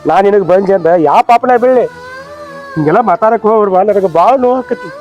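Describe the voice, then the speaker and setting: A man's voice: sits high, quick pace, highs cut off, faint music behind, natural voice. A man with a North Karnataka accent playing an emotional young son caught between his stepmother and his wife in a village family drama skit. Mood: hurt. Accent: North Karnataka Kannada. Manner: pleading, emotional. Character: pleading young married son, torn between mother and wife.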